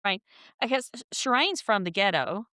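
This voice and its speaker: A woman's voice: medium pitch, animated, normal speed, sharp tone, no echo, clean studio sound. A woman co-hosting a podcast, chatting casually and laughing often as she tells stories. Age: older than her co-host. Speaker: podcast co-host. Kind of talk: casual chat.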